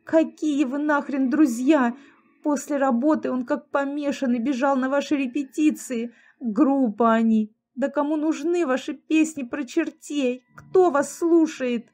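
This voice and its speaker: A woman voicing a bitter, grieving young pregnant woman who shouts in fury and whispers in grief, in an audiobook reading. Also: sits high, fairly even intonation, measured pace, pitched above the performer's own voice. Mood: furious.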